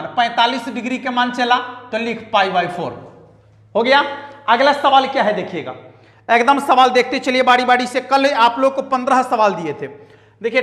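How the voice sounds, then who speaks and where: A man's voice: very high-pitched, bright, forceful tone. A man teaching math in an online exam-prep lesson, emphatic and repetitive, with teasing asides to his students. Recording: echoey room with long reverb.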